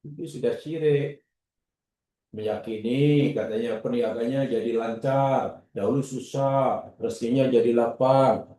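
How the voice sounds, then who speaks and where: A man with a Malaysian Malay accent teaching a religious class, lively, acting out examples and questioning his students. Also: medium pitch, a little slow. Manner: questions the class and repeats their answers. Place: classroom or prayer hall. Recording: roomy echo, distant mic.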